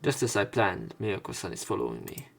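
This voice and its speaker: A man with a low, gravelly, sing-song voice does a brisk let's play. He reads a visual novel's narration and dialogue aloud, tossing in casual, sometimes profane asides along the way.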